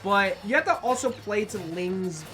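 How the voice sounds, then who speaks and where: A man's voice: high voice, lively intonation, moderate pace, noisy background. A young man doing casual, joking play-by-play commentary at a gaming tournament. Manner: joking, laughs often. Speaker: esports commentator.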